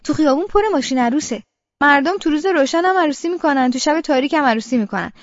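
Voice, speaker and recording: Woman reading a first-person audiobook, high voice, dry kinda dull recording. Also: dry recording. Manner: flat, inward present-tense monologue. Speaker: audiobook narrator.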